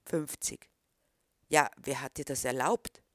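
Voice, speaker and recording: A woman's voice: a bass voice, slow, no echo, clean studio sound. A woman reading the part of a disapproving middle-aged man who questions a boy. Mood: stern.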